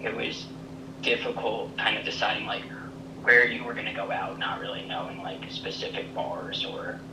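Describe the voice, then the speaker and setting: A young man speaking over a phone speaker held up to the microphone, chatting hesitantly with many pauses and fillers. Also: lowish voice, fairly even intonation. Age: young adult. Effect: heard over a phone speaker held to the mic. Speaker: friend called in as guest. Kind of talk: casual phone chat. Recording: distant roomy phone speaker, noisy.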